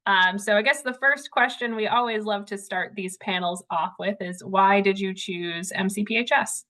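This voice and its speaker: A woman's voice: mid-range voice, moderate pace. A woman hosting an admissions student panel in a casual, conversational way over a video call. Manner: casual, conversational, relaxed phrasing.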